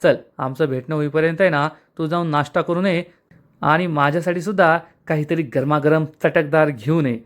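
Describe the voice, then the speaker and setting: A man's voice: on the high side, moderate pace, natural voice. A man voicing a boastful, scheming male crook in jail while retelling a TV serial episode, in a taunting, mocking manner.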